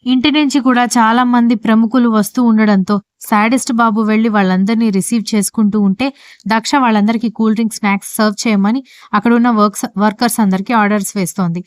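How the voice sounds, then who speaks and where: A woman storyteller reading a scripted audio story with brisk, steady narration. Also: on the high side, dry recording, studio quality.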